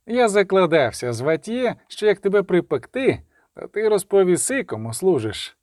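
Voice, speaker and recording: A man voicing a cold, sardonic middle-aged male coroner who speaks in a measured, menacing way. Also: sits high, big pitch swings, a little mellow, no echo, studio quality, voice pushed up. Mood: mocking.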